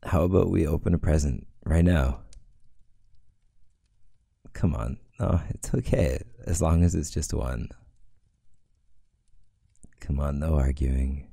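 A man in a whispered role-play as a playful, teasing boyfriend, speaking softly and affectionately. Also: extremely low pitch, takes it slowly, creaky, pauses often, husky, no room sound, studio quality. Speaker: audio role-play creator.

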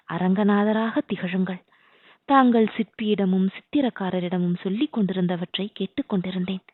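A woman's voice: medium pitch, no echo, lightly acted. A woman reading a devoted young dancer. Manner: heartfelt, devotional pleading. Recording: dry, tinny phone-like sound.

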